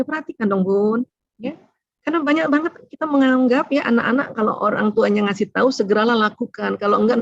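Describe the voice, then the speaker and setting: A woman giving a seminar talk on family and emotions, animated, acting out short exchanges between parent and child. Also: a little high, no room sound, highs cut off.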